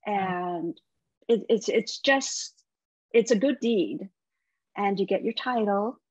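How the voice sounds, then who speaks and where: A woman entertainment correspondent chatting on a TV segment, talkative and quick to laugh, with many restarts. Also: mid-range voice, breathy edge, no echo, muffled recording. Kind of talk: casual TV segment chat.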